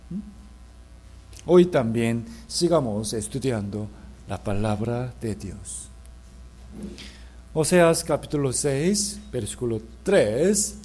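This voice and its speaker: A man's voice: medium pitch, darkish tone. A man preaching at a Bible seminar in a church, asking rhetorical questions and leading the congregation in reading scripture aloud.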